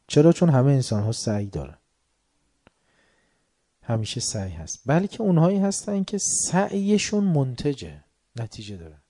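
Impassioned male preacher, fairly high voice. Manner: swings from soft asides to loud, heated outbursts. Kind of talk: religious lecture.

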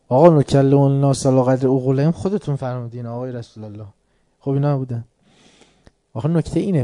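A man preaching a religious lecture in a dark, mellow voice. He quotes Arabic phrases and then explains them. His delivery swings from hushed asides to loud, emphatic declarations. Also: medium pitch.

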